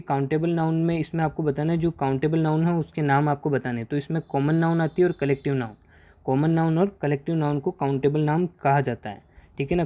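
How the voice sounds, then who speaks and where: Man, teacher, worksheet lesson, answers his own questions, slightly high voice, warm tone. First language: Hindi. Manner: repeats questions and answers them himself; reads English sentences slowly.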